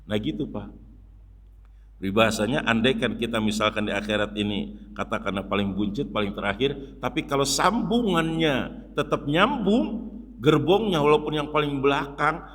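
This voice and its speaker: A man giving a mosque sermon in a lively, joking way, often turning to his listeners and acting out shouts. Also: medium pitch. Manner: lively, jokey, addresses listeners as "Pak", acts out shouts. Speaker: Islamic preacher. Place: mosque hall. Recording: long reverb of a hall.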